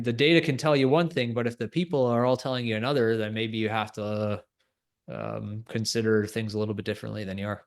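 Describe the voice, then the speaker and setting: A man co-hosting a finance podcast, explaining markets in a thoughtful, hedging way. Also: medium pitch. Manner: thoughtful, hedging, laughs between points. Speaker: co-host. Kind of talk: casual finance podcast chat.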